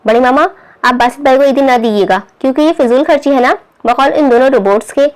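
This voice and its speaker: Read by a woman, a cheeky young girl with a sharp tongue, talking fast and pleading one moment and teasing the next. Her voice sits a little high. It comes from a storybook reading. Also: close to an everyday voice. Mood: pleading, sassy.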